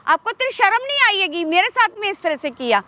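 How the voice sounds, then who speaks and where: A woman's voice: very high voice, sing-song, a little fast, bright, forceful tone, exaggerated voice. An actress playing a frightened maid who pleads with her employer to let her go. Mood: pleading. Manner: pleading, repeats "no, master". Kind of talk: Hindi short-film acting.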